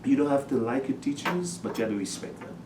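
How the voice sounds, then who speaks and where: A middle-aged man from Trinidad, a high school principal, telling lively stories about his students in a casual interview. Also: fast talker, background noise. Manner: animated storyteller, acts out his talks with students. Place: school office. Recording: echoey room, distant mic.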